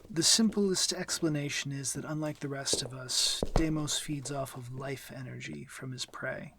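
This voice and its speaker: In an intimate ASMR audio drama, a man plays a vampire lord who is courteous, protective, and commanding, using soft, formal, measured speech that frequently drops to a whisper. The voice is medium-pitched and gravelly yet close to an everyday voice, over a noisy background, sounding concerned and reassuring.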